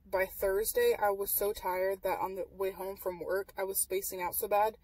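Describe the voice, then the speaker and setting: A woman's voice: medium pitch, flat delivery, normal speed, darkish tone, slightly rough, no room sound, far from the mic, poor audio. A young woman in her twenties, tired, chatting candidly in a parked car at night, recorded by a dashboard camera. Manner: candid, matter-of-fact, many fillers. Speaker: vlogger. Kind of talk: casual chat. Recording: voice a little off-mic in car.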